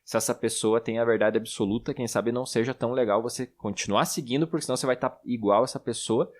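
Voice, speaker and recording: A man's voice: mid-range voice, fast talker. A man in his thirties with a Brazilian Portuguese accent, co-hosting an investing podcast in a reflective, self-critical way. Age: 30s. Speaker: podcast co-host. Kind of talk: casual investing podcast chat.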